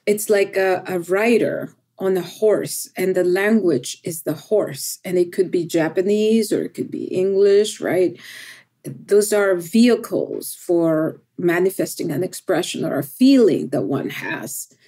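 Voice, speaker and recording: Her voice is lowish, dark and slightly rough, animated yet a little slow. She's a middle-aged poet from El Salvador with Spanish as her first language, appearing on a podcast for a thoughtful interview where she repeats words and keeps asking "right?"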